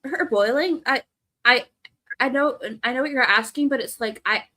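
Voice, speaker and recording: A woman hosting a live reaction stream in casual, animated chat, quick to laugh. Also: high voice. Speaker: livestream host.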